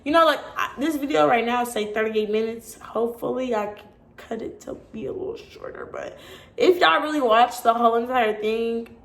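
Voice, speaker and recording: Chatty young woman in an echoey room. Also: fairly high pitch. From California. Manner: chatty, animated, talks straight to viewers. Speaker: YouTuber. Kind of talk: casual Q&A vlog.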